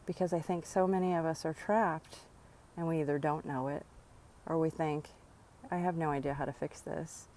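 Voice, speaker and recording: A woman's voice: low voice, fairly even intonation, moderate pace, hardly any pauses, mellow, slight background noise. A woman speaking earnestly into her phone outdoors near her home, giving a reflective motivational vlog with sighs between thoughts. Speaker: vlogger.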